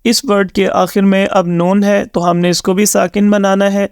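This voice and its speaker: A male Quran reading teacher walks learners through each word letter by letter, drawing the syllables out slowly. His voice sits high and smooth, with a resonant clarity. The recording is close and dry. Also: level tone, darkish tone, no echo. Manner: spells words letter by letter, drawn-out syllables, mixes English words. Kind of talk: slow step-by-step recitation lesson.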